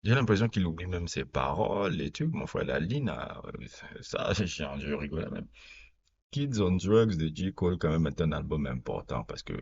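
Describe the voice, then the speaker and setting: A man's voice: low voice, very animated, normal speed, darkish tone, husky. A man hosting a reaction video, giving rambling, opinionated commentary straight to his viewers. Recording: dull lo-fi recording.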